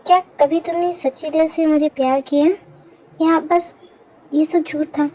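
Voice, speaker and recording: A woman voicing a sweet but hurt young woman in a fan dub drama, asking gentle questions. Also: high voice, fairly even intonation, measured pace, a little hiss or hum. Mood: questioning.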